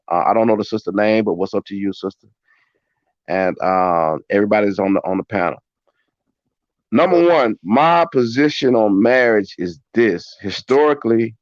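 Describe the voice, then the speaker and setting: A man in his forties giving his view on a panel over a call, measured and full of fillers. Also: on the low side, no room sound. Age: 40s. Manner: measured, many fillers and restarts. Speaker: panel guest. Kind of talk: casual opinion on a call-in panel. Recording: dull lo-fi call audio.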